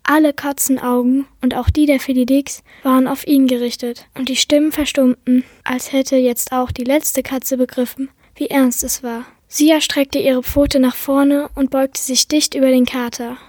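A woman hosting a book podcast, reading a children's novel aloud in an expressive storytelling way. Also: sits high, moderate pace, hardly any pauses, no echo, clean studio sound. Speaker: book podcast host and reader.

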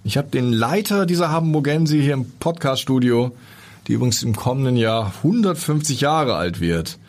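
A man's voice: mid-range voice, expressive, normal speed. A man hosting a podcast interview in a studio, asking questions in a friendly, conversational way. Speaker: podcast host. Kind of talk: casual interview.

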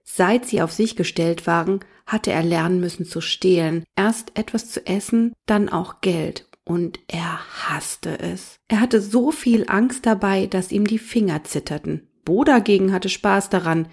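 A woman reading a storybook aloud in a lively, expressive narration. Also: mid-range voice, normal speed, hardly any pauses, breathy edge. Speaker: audiobook reader.

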